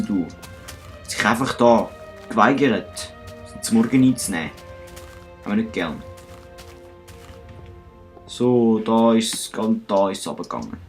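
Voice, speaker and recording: Low-voiced Swiss German man for let's play narration, chatty and self-mocking, soft music bed. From Switzerland. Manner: chatty, self-mocking, talks to himself and viewers. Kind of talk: casual gameplay commentary.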